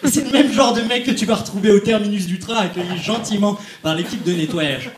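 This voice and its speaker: A young male stand-up comic working a theatre crowd, chatty and direct. His voice sits fairly high for a man. The big room gives it a roomy echo. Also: a little fast, background noise. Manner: chatty, addresses the audience directly. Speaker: stand-up comedian. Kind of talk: stand-up comedy set. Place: comedy stage in a large theatre. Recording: echoey theatre.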